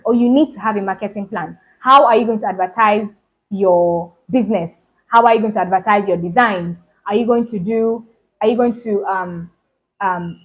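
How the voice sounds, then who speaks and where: A woman who hosts her own fashion business channel talks casually to camera about running a clothing business, speaking fast, repeating points, and often asking "do you understand?" Her voice is medium-pitched, and the audio is poor.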